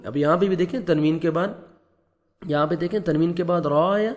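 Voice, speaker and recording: A man with a Pakistani Urdu accent teaching Quran recitation rules, patiently explaining step by step and chanting verses slowly. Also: fairly high pitch.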